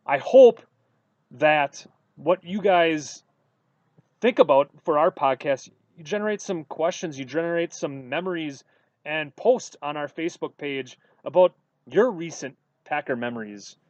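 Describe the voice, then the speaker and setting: Guy from wisconsin cohosting a podcast, bit high voice, dry muffled sound, lots of "you know". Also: unhurried, no echo. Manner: animated storytelling with many fillers. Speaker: podcast co-host. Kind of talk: casual sports chat.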